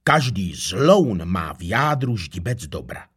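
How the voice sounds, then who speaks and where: Man doing a wise old storybook spirit, gentle, husky, lively pitch. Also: full character voice. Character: kind old male mist spirit guarding mountains.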